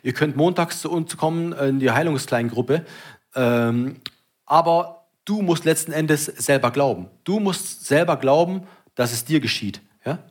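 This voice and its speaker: A man's voice: on the high side, measured pace. A man, a father, preaching a sermon in a conversational way, often checking in with his listeners. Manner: conversational, often adds "ja?" to lines.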